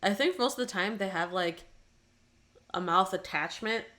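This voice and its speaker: A young woman co-hosting a podcast, reviewing a movie in casual, animated chat and laughing often. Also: mid-range voice, normal speed. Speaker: podcast co-host.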